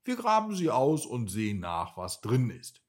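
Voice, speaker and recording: A man's voice: medium pitch, huge pitch swings, moderate pace. Wally, a man doing a big friendly whale. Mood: cheerful.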